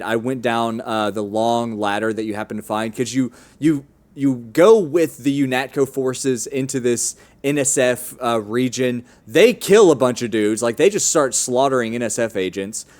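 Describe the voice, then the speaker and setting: A man co-hosting a casual gaming podcast, telling his playthrough with lively storytelling and quick acted-out bits of characters. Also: mid-range voice. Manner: animated storytelling, acts out game characters. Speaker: podcast co-host.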